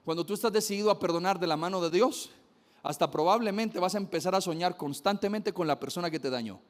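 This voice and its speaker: High-voiced emphatic male preacher. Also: fast talker. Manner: emphatic, repeats key phrases, addresses the audience directly. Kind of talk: sermon.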